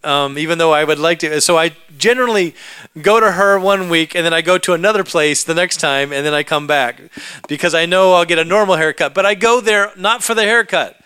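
A man's voice: fairly high pitch, fairly quick, bright, forceful tone, clear, resonant tone, no room sound. A man preaching a sermon, telling a personal story in a conversational way that builds into emphatic preaching.

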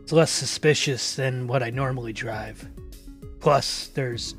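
A man's voice: medium pitch, unhurried, soft background music, close to an everyday voice. A man voicing a blunt, impatient male driver in a tabletop game. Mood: grumbling. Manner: blunt, grumbling.

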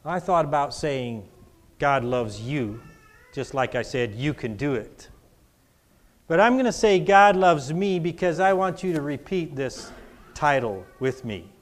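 A man preaching a sermon to a congregation in church, leading call-and-response with emphatic, drawn-out repetition. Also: on the high side, animated. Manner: call-and-response, has the congregation repeat after him. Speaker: pastor.

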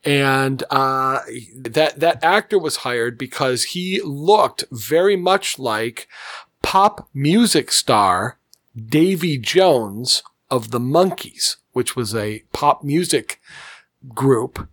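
A man's voice: mid-range voice, expressive, slow pace, a bit bright, dry recording, clean studio sound. A man co-hosting a podcast, chatting casually and telling stories with enthusiasm. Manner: enthusiastic storyteller, frequent restarts. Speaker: podcast co-host. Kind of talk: casual chat. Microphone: podcast mic in a living room.

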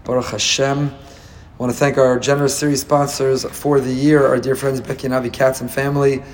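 A man with a hoarse, raspy, worn-out voice giving a religious lecture as a rabbi, emphatic and repeating points in strings of synonyms. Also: mid-range voice, little pitch movement, brisk, darkish tone, long reverb tail, a little hiss or hum. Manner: emphatic repetition, piling up synonyms. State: hoarse, voice nearly lost. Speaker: rabbi teaching a weekly Torah portion class.

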